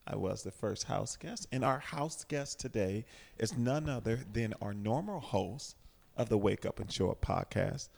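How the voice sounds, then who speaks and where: Man, lowish creaky voice, guest host, casual interview, brisk announcer-like prompting. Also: lively intonation, a little mellow.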